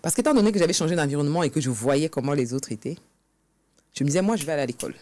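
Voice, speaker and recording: A woman guest author, animated and racing, tells her own story in a low, dark voice during an interview on a podcast studio set. She is earnest and acts out past conversations.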